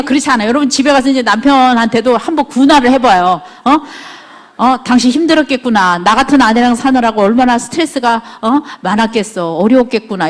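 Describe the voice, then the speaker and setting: Middle-aged woman giving a conversational lecture. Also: sits high. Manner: conversational, asks the audience frequent rhetorical questions.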